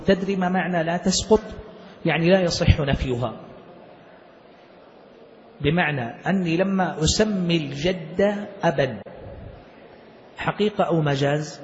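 A man's voice: on the high side, a little mellow, a little hiss or hum. A male sheikh teaching a classical text, explaining it step by step and putting questions to his students. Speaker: sheikh teaching Islamic jurisprudence. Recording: dull lo-fi recording with long hall reverb.

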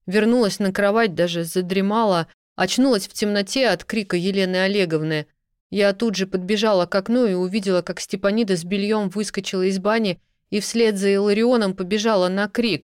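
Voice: mid-range voice, steady tone, measured pace, no echo, studio quality, close to an everyday voice. A reader voicing a frightened young serving girl who pleads and sobs as she talks. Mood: pleading. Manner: pleading, sobbing, breathless.

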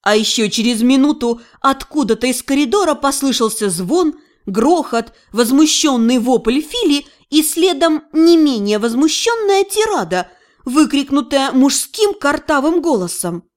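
A woman narrating a first-person audiobook in an expressive storytelling manner. Her voice is high and lively, moving freely up and down. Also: measured pace.

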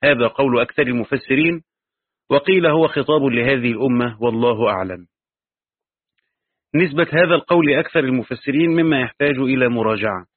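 Husky man reading commentary over a thin line. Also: mid-range voice, no room sound, narrow, tinny audio. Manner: measured reading with pauses, self-corrections and spoken asides. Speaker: Quran commentary teacher. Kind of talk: reading and explaining a Quran commentary.

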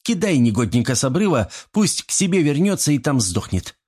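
A man's voice: medium pitch, very animated, brisk, a little mellow, slightly rough, voice pushed up. A man voicing a bold, haughty young woman in an audiobook.

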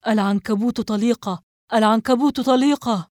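A woman's voice: fairly low pitch, level tone, quick pace, mellow, no room sound, clean studio sound, close to an everyday voice. A woman reading a novel aloud, voicing a firm, commanding male police detective. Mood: shouting. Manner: firm, insistent.

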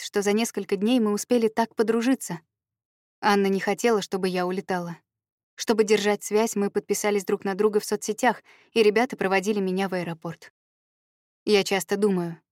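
A woman's voice: mid-range voice, darkish tone, no room sound, studio quality. A young woman reading her own memoir aloud as narrator of an audiobook.

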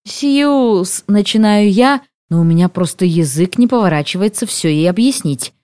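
A woman narrating a first-person novel, expressive and animated, giving the characters voices. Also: lowish voice, fairly quick, no room sound. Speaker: audiobook narrator.

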